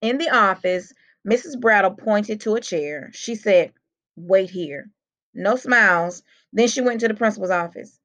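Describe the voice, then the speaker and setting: A woman's voice: medium pitch, expressive, moderate pace, hardly any pauses, a bit bright. A woman reading a children's chapter book aloud, telling the first-person story expressively. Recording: dull lo-fi recording.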